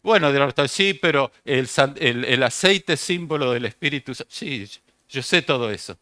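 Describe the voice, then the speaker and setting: A man's voice: mid-range voice, expressive, normal speed, bright, forceful tone, no room sound. An older man preaching a sermon as pastor, speaking, often asking the congregation questions and repeating key phrases.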